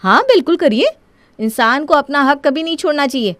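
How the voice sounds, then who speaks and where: A woman's voice: high voice, expressive, brisk, a bit bright, no room sound, pitched above the performer's own voice. Woman playing a scheming young wife. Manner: insistent, coaxing.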